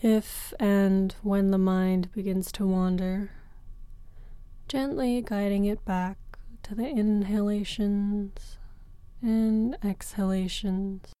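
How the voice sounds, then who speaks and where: A woman teaching yoga, guiding a breathing meditation in a slow, soft and soothing way with long pauses, recorded on a close mic. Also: mid-range voice, steady tone, clean tone, no echo.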